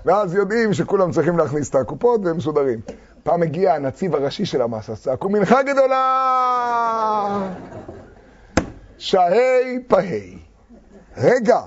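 A man teaching a Talmud lesson to a class, reading quoted texts slowly and then explaining them with fervor. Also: a little high, lively intonation, noisy background. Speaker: Torah teacher. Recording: dull lo-fi recording.

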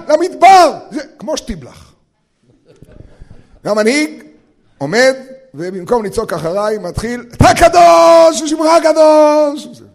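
A high-pitched male teacher giving a Torah lesson to fellow educators. He talks in an animated way, fires off rhetorical questions and acts out quotes, dropping to a hush and then bursting loud. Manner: swings between loud and hushed.

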